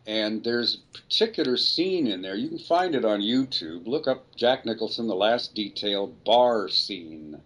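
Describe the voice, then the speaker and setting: An older man, a voice actor, telling a rambling, relaxed story in an interview. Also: on the low side, measured pace, hardly any pauses. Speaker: voice actor guest. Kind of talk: anecdotal storytelling.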